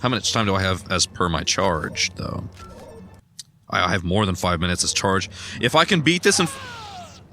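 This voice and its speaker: A young man casually narrating a video game, rambling through a personal story with sudden loud outbursts. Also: sits low, moderate pace, long pauses. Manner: rambling, chatty storytelling with bursts of loud excitement. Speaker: gaming streamer. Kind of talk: casual let's play commentary.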